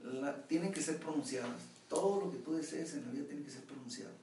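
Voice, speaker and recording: A Mexican man mentoring a group, speaking in an emphatic, instructive way and often checking he is understood. His voice sits a little high for a man. He is heard from a distance in an echoey room with faint background noise. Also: quick pace, mellow. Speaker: mentor leading a group session. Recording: echoey room, far from the mic.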